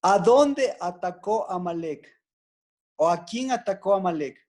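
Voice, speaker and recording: A woman preacher giving an interactive Bible lesson. She repeats her questions to the listeners and gets excited by their answers. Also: mid-range voice, unhurried.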